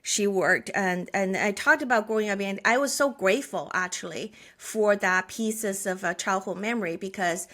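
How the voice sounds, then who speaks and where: Speaking at a normal speed with hardly any pauses, this fortyish woman from China tells her life story as an interview guest in a conversational setting. Her accented, mid-range voice has a fairly bright tone, and her earnest telling is full of restarts and fillers.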